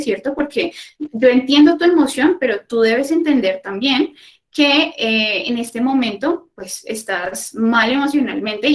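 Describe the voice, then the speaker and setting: A woman with a fairly high voice leads a parenting workshop. She explains patiently and keeps tossing in quick check-in questions to the parents. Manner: explanatory, often adds tag questions. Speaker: school parenting workshop speaker. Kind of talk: educational talk to parents.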